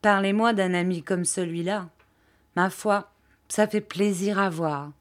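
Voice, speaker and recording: A woman's voice: medium pitch, steady tone, a little slow, lightly acted. Woman voicing a hearty old fisherman.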